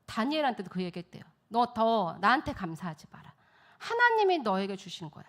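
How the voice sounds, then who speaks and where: A middle-aged woman preaches a testimony sermon in a fairly high voice. Her pitch leaps and swoops as she tells the story. She acts out the people she quotes with lots of animation and frequent laughter. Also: huge pitch swings, fairly quick. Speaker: missionary speaker at church revival.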